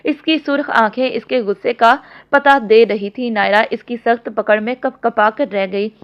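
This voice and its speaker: A woman reading a romance novel aloud in a steady, storybook narration. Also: a little high, moderate pace, clean tone. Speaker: novel reader. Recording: dull lo-fi audio.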